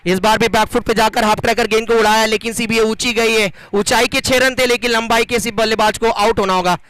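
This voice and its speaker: A man gives live cricket commentary and announcements in a dramatic, flowery manner with drawn-out emphasis. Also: sits high, fairly even intonation, fairly bright tone, rough recording.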